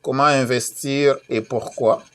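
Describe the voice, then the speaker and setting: A man from Congo gives a relaxed promotional talk for an upcoming business conference. He pauses often with fillers and repeats each question several times. His pitch sits in an ordinary middle range. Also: smooth. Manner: many fillers and repeated phrases; hesitant, repeats key questions. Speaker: event promoter. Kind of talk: casual promotional talk with screen share.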